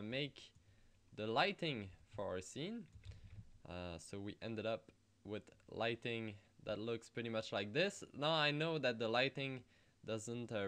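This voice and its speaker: A young man with a French accent, hosting a screen-recorded software tutorial, hesitant and full of fillers and restarts. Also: mid-range voice, smooth. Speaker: tutorial host.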